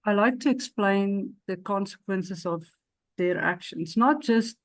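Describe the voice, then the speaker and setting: Slow, measured woman sharing experience. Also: medium pitch, no room sound. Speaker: guest. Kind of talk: casual conversational sharing.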